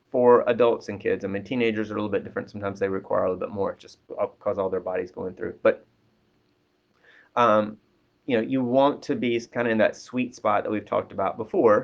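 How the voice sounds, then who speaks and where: Casting Man, lower voice, counselor giving easygoing advice, lots of fillers, dull lo-fi recording. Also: creaky. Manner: relaxed, many ums and restarts. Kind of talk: casual advice talk. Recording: dull lo-fi sound.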